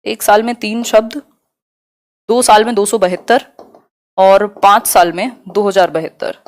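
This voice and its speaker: A woman teaching a live online exam-prep class, talking quickly and conversationally and checking in with her students often. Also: mid-range voice, fairly even intonation, a little mellow.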